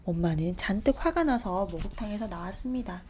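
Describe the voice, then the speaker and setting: A woman's voice: medium pitch, a little fast, slight background noise. Woman reading a children's story aloud. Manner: expressive, animated narration with soft asides. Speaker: storybook reader.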